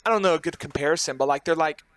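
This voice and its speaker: Casual male podcast host: quick, rambling delivery, slightly high voice. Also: a bit bright, no room sound. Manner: rambling, with many fillers and restarts. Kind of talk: casual sports chat.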